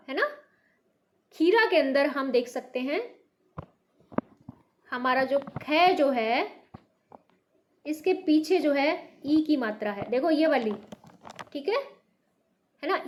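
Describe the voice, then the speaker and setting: A woman's voice: high voice, a little hiss or hum. A woman from North India teaching Hindi to beginners, patiently repeating words with stress. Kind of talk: slow beginner language lesson.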